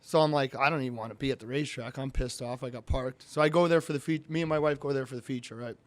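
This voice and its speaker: A man's voice: fast talker, no echo. A man, a race car driver, telling stories in a casual podcast interview, acting out the people he quotes. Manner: animated storyteller, jumps high when quoting others.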